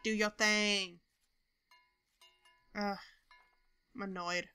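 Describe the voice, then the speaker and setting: A young woman with a bright, clear voice talks her way through a life-simulation game. She chats casually to her viewers and coaxes the characters on screen, and she breaks into excitable outbursts. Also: mid-range voice, drawn-out words, soft background music. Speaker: gaming video host. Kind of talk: casual gameplay commentary.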